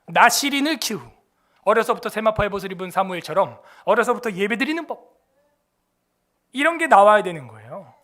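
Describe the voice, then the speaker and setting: A pastor preaches in a high, bright man's voice. His delivery is animated and chatty, and he keeps tossing rhetorical questions at the congregation. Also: fairly quick, pauses often. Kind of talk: sermon. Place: church.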